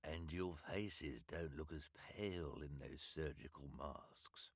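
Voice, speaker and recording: Man putting on a deep husky sinister henchman. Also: slow, no echo, studio quality, exaggerated voice. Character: sinister hook-handed henchman, adult man.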